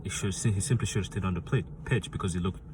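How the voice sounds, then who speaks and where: Deep-voiced man rambling through his picks. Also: fast talker, background noise. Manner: rambling, frequent restarts and fillers; insistent, repeats points for emphasis. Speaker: football fan channel host. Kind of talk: casual fan prediction vlog.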